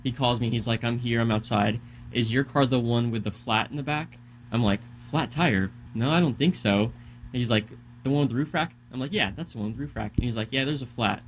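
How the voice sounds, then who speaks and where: A man's voice: medium pitch, fairly quick, a little hiss or hum. Heated, cursing young man telling a story. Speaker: podcast co-host. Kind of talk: casual podcast chat.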